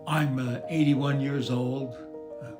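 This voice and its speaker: A man in his eighties speaking slowly and haltingly in a home conversation with his grandson, recorded on a phone. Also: mid-range voice, steady tone, over music. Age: 80s. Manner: halting, gentle, with pauses and restarts. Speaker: grandfather interviewed. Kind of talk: oral-history conversation. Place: living room at home. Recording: roomy home recording, faint hiss.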